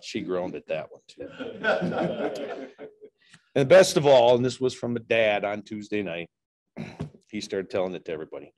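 A man's voice: lowish voice, lively intonation, fairly quick, a little mellow. A middle-aged man giving a humorous prepared speech, telling dad jokes with setups and punchlines to a speaking club. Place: large indoor meeting room with low ceiling.

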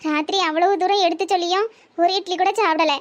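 A woman's voice: very high voice, steady tone, fast. A woman with a Tirunelveli Tamil accent voicing several village women in a comic cartoon, scolding and wailing in local dialect. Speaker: voice actor doing all women in a cartoon.

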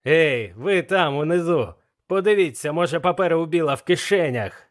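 A man voicing a furious blind old male pirate who shouts curses at his gang in a slow, emphatic way. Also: fairly high pitch, lively intonation, voice pushed up, close to an everyday voice.

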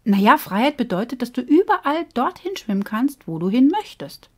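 A woman's voice: fairly high pitch, very animated, moderate pace, darkish tone, voice pushed up. Woman voicing an earnest storybook fish, raised and insistent, a touch scolding. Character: earnest, blunt young fish.

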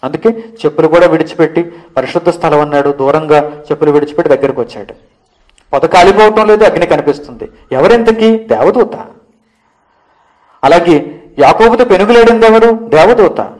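A man's voice: on the high side, fairly quick, a little mellow, rough recording. A man teaching a Bible lesson, preaching with rising emphasis and firing off rhetorical questions. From India.

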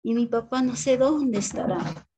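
A lonely little boy, played by a woman, talks in a soft, raised, plaintive voice with a Peruvian accent. He sounds quietly hurt and alone. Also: on the high side, animated, measured pace, a little hiss or hum, pitched above the performer's own voice. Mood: sorrowful. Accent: Peruvian Spanish. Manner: soft, plaintive, self-pitying.

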